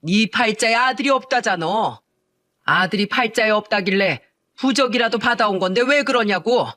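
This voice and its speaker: A woman's voice: mid-range voice, moderate pace, a bit bright, no room sound, studio quality, close to an everyday voice. A woman voicing a superstitious older mother-in-law in a spoken story, scolding and whiny.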